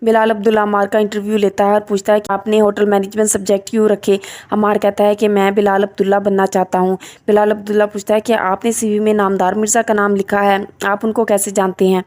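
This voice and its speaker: A woman recapping a drama episode scene by scene, retelling it at an even, steady pace and reading the characters' lines aloud. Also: mid-range voice. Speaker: drama reviewer.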